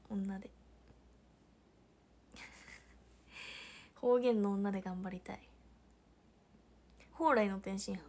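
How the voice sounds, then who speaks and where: On her livestream, a young Hiroshima-born idol chats in Hiroshima Japanese, reading viewers' comments out loud and laughing frequently. She has a mid-range, gravelly voice that is a little mellow.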